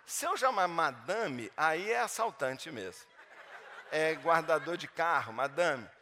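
A middle-aged man preaching, telling a personal story with fervor, swinging between loud emphatic preaching and hushed storytelling. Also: on the high side, expressive, slow, slight background noise. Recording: long hall reverb.

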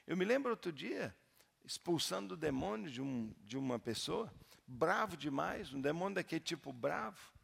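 A male pastor preaches with a gravelly, husky voice and a lively, swinging pitch. He moves from near-whispers to loud exclamations, and a long hall reverb trails each phrase. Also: normal speed. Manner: dramatic storytelling, swinging from hushed pleas to loud exclamations. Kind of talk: sermon.

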